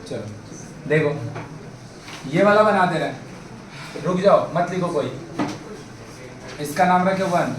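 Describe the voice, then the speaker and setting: A man tutoring math students in a classroom, coaxing them along with questions and calling them babu and bhai. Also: high voice. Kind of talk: classroom math lesson in Hindi-English mix. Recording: echoey room, mic far off, faint background noise.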